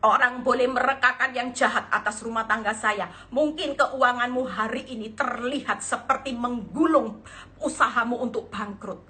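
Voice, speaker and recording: A woman evangelist delivers a forceful sermon on an Instagram live stream from her phone, dramatizing dialogue and addressing the audience as saudara. She speaks at a normal pace with a slightly high, bright voice.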